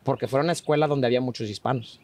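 A man's voice: very fast, slight background noise. A man, a podcast guest chatting casually and telling stories with lots of "verdad". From Monterrey, Mexico. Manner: animated, acts out quoted voices with rising pitch; frequent fillers like "¿verdad?". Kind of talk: casual conversational storytelling.

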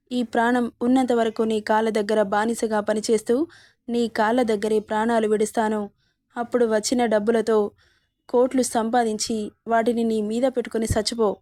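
A woman's voice: fairly high pitch, warm tone, no room sound, studio quality, close to an everyday voice. A woman reading a storybook, voicing an angry young woman who hurls bitter, scornful accusations.

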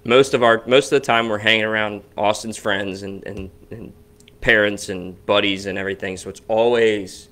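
Recording from a basement home studio, this podcast co-host has a fairly low, slightly bright voice with fairly even intonation and normal speed. He chats casually, rambling along and restarting often.

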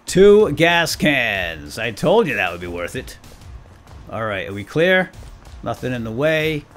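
With faint music behind him, a man speaks at a measured pace in a medium, fairly bright voice with big pitch swings. He hosts a gaming series, giving playful let's play commentary and exclaiming as he chats with himself and viewers.

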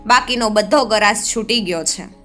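Bright-voiced woman telling a folk tale. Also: mid-range voice, moderate pace, soft background music. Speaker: storyteller.

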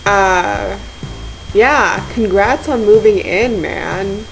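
A sleep-deprived young woman rambling casually to friends on a webcam at home, slangy and joking in a deadpan way. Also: medium pitch, drawn-out words, gravelly, a little hiss or hum, low-quality recording. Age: young adult. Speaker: video blogger. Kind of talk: casual chat to friends on camera. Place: living room at home, indoors. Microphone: webcam or laptop mic at arm's length.

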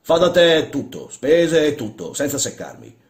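A man voicing a rich, mocking old man in a dramatic literary reading, loud and scolding. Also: on the high side, big pitch swings, moderate pace, pitched above the performer's own voice. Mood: businesslike. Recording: roomy echo.

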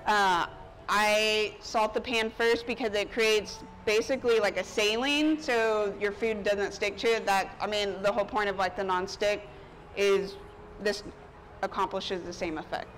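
At an outdoor covered market stage, a thirtysomething woman chef talks informally through a busy cooking demo in an unhurried, medium-pitched, fairly bright voice with fairly even intonation. The lapel-mic recording is low quality, carrying outdoor park sounds.

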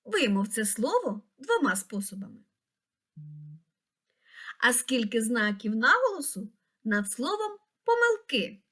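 A woman reading a scripted lesson for young children, pronouncing each word slowly and clearly. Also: a little high, very animated, a bit bright. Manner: slow, clear, pronouncing words syllable by syllable. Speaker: teacher.

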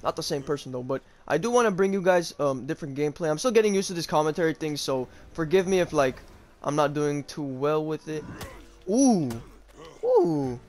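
A man's voice: fairly high pitch, lively intonation, fairly quick, darkish tone. A man giving casual live gameplay commentary as a YouTuber, talking in an informal, slangy way with plenty of swearing. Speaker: gaming YouTuber.

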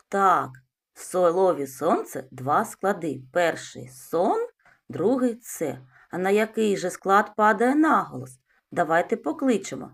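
A woman teaching young children to read, speaking slowly and clearly and sounding out words syllable by syllable. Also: on the low side. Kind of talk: literacy lesson for young children.

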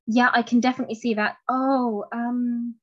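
Speaking a little high with a flat delivery, this woman moves at a moderate pace and has a fairly bright tone. Her casual, self-mocking presentation on fountain pens comes through a home video call, picked up by the call mic as dull lo-fi sound.

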